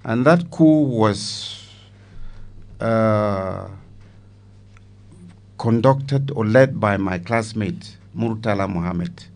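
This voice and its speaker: Speaking very slowly with long pauses, an older man with a Cameroonian accent, a retired army commander aged 70-plus, recounts memories in an interview. His voice is fairly low and a little mellow, and he emphatically repeats phrases for weight.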